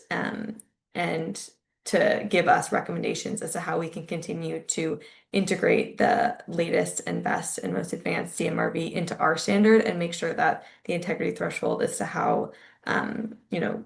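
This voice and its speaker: A woman panelist on a webinar, explaining in a measured way with frequent fillers over a video call. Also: on the low side, vocal fry. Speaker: panelist from a standards body.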